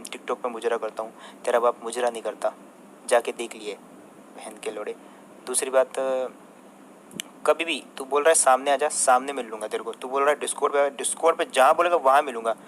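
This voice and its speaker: A young streamer rants at a rival, combative and swearing heavily as he turns to his viewers now and then. His voice sits at a middle pitch, and a faint hiss of noise runs behind it. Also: fairly bright tone, poor audio. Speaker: mobile game streamer. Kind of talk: angry rant to viewers.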